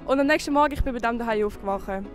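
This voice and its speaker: A woman's voice: fairly high pitch, very fast. A young woman answering a street interview in a chatty, giggly way. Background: music.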